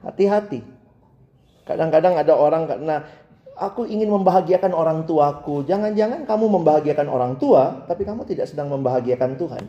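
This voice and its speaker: A man's voice: fairly high pitch, fairly quick, dark tone, echoey room, lo-fi sound. A man preaching a sermon, joking and acting out the people he quotes.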